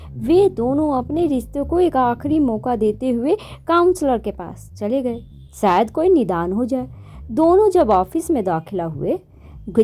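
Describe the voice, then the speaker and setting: As host, a woman recounts a moral story in a conversational style, restarting and correcting herself along the way. Her pitch is fairly high, but her tone is dark.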